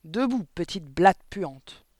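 A towering, tyrannical headmistress, put on by a man reading aloud barks insults in a raised, loud voice. Her ranting comes across as dry and close, with nothing of a room around it. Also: a little high, a little fast, creaky, no room sound. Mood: raging. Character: huge furious tyrannical headmistress woman. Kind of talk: audiobook character reading.

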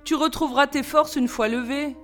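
A woman voicing a lively, chatty teenage girl in a storybook, with a brisk, encouraging way of talking. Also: sits high, faint music behind, voice pushed up, natural voice. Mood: urging.

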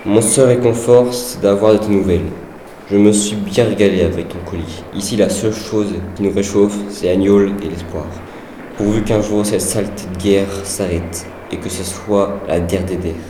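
A man giving an earnest, measured dramatized reading of a wartime letter. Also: on the low side, fairly even intonation, noisy background. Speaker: reader of a soldier's letter. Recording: echoey room with faint background ambience.

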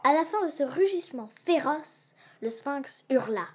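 High-voiced woman reading a storybook. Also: normal speed. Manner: lively, expressive reading. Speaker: audiobook narrator. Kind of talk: storybook narration.

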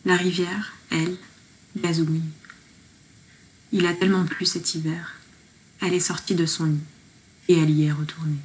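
A woman's voice: fairly low pitch, level tone, normal speed, pauses often, a little hiss or hum, rough recording. A woman reading her own poetic lockdown diary aloud in a tender, reflective way. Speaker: diarist.

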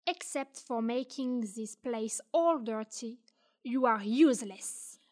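A woman's voice: fairly high pitch, takes it slowly, a little mellow. A woman playing a spiteful young crew member who threatens to spill secrets, in a student audio drama. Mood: scornful. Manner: scornful, threatening.

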